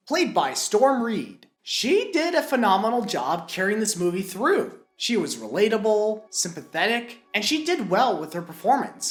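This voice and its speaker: A woman reviewing a film in a scripted video, her voice still recovering from a cold, with playful jokey asides. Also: mid-range voice. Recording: echoey room with music.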